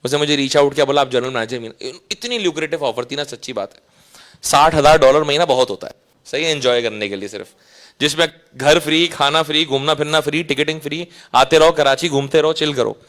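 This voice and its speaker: A man's voice: fairly high pitch, fairly quick, a bit bright. A man with a Pakistani Urdu accent, giving a casual, anecdotal talk to students and often checking 'right?'. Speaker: invited speaker.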